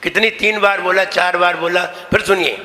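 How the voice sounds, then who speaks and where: A man, a Jain monk, gives a sermon, chanting verses slowly and repeating phrases to drill correct pronunciation. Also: high voice, steady tone, pushed and bright. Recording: reverberant hall.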